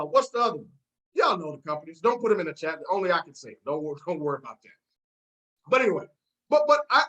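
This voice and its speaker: A man hosting an online company call, talking in an animated, joking, rambling way. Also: high voice, poor audio. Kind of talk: hyped sales-call talk.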